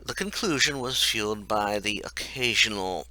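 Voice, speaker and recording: A man's voice: on the low side, lively intonation, moderate pace, bright, forceful tone, no room sound. A man reading his own comic story aloud in a wry, mocking way.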